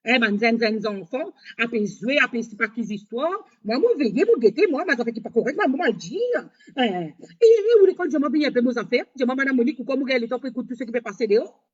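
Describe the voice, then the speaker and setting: A woman hosting a live stream, talking in a rambling monologue with halting, repetitive, broken phrasing. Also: a little high, lively intonation. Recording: dull lo-fi sound.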